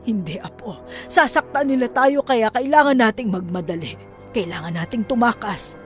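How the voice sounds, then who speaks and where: A woman's voice: on the high side, animated, normal speed, faint music behind, natural voice. Woman voicing Lola Tiray, tormented old aswang grandmother. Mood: urgent. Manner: pleading, moaning, desperate. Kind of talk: animated storybook voice acting.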